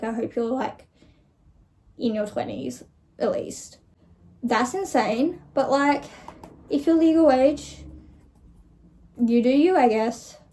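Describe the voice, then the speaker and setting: A woman's voice: on the high side, a little mellow. A young Australian woman chatting casually and informally in amused disbelief, as an online creator reacting to things. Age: young adult. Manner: informal, slangy, conversational.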